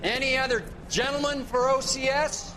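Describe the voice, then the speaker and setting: High-pitched, barking American drill sergeant. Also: male voice, fairly even intonation, moderate pace. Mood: irritated, contemptuous. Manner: barking drill sergeant, gruff insults and threats. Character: foul-mouthed, bullying, short-tempered Marine drill sergeant. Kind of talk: video game voice acting. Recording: clear background noise under voice.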